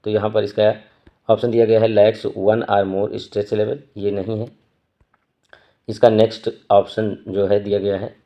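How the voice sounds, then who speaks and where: A man teaching an exam prep lesson, reading each question slowly and then explaining it quickly. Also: on the low side, mellow, muffled recording. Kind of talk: quiz walkthrough lesson.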